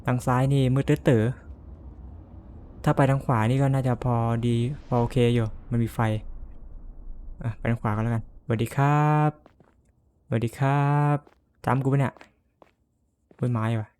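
A man's voice: medium pitch, steady tone, measured pace, long pauses, darkish tone, slight background noise. A man playing a horror game and commenting as he goes, jumpy, cursing and laughing nervously. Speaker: gamer.

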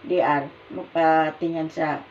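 Older filipino lady telling her story, gravelly voice, kinda far from the mic and muffled. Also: low-pitched, steady tone, a little mellow. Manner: rambling, halting, often searching for words. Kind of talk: casual storytelling. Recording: muffled, distant, with background noise.

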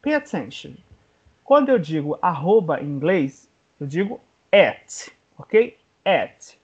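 A man with a Brazilian accent teaching a bilingual language lesson, speaking slowly and deliberately and repeating each phrase. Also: fairly high pitch, sing-song, darkish tone, husky, lo-fi sound. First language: Portuguese. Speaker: English teacher.

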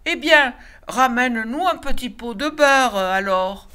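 A woman's voice: fairly high pitch, expressive, a little slow, sharp tone, clear, resonant tone, pitched above the performer's own voice. Distracted father wolf, lecturing and bossy, played by a woman reading a picture book. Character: busy distracted father wolf teaching cubs.

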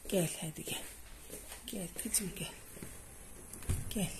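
A woman at home talking to her cats in a casual, coaxing, affectionate way, soft and murmured. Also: fairly low pitch, slow, background noise. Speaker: cat owner filming her cats. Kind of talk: casual talk to pets. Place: indoors at home among many cats.

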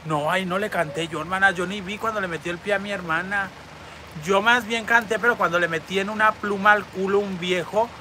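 A woman's voice: medium pitch, steady tone, a little fast, bright, forceful tone, a little hiss or hum. A woman with a Mexican Spanish accent hosting a live stream, reading viewer comments aloud and answering in a brassy, campy, foul-mouthed way, speaking into a phone outdoors on a city street. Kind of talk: crude live-stream chat.

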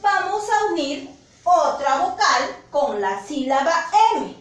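A female teacher with a Peruvian Spanish accent, leading a slow, encouraging phonics lesson and repeating the answers back. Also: sits high, sing-song. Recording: echoey room, voice from far off.

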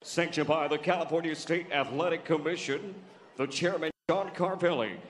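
A man working as a ring announcer at a live boxing event, giving booming, drawn-out shouted introductions. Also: slight background noise. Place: large casino arena, indoors. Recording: echoey arena hall.

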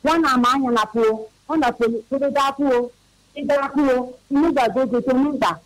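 Man, very high voice, rambling correspondent on a radio call-in, dry sound. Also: fairly bright tone, dry recording, rough recording. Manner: rambling, halting.

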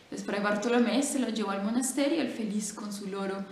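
A woman telling a story in a lively, conversational way, with fillers and restarts. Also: medium pitch, brisk. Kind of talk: casual storytelling. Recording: echoey room with faint noise.

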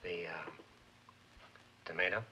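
A smooth boastful schemer. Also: male voice, sits low, fairly even intonation, slow. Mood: cool. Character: smooth boastful man, self-important schemer. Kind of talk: 1950s film noir acting. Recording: old film soundtrack with hiss.

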